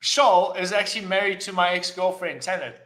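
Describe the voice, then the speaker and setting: A man's voice: sits high, a little fast, fairly bright tone. A man from South Africa, a regular on a live chat show, bantering and swearing freely. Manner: chatty, laughing, swears freely. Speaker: regular panelist.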